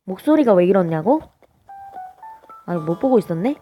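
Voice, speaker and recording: A woman with a naturally high voice, chatting casually as she plays a life-sim game, hesitant and full of little filler sounds. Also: animated, moderate pace, dull audio, faint music behind. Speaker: game streamer. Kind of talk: casual gameplay commentary.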